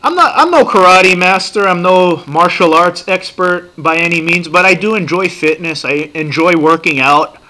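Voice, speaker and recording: A man in his thirties talking casually and profanely in a rambling, excitable way while reacting to a TV show at his computer. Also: high-pitched, normal speed, few pauses. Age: 30s. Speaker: vlogger reacting to a TV series.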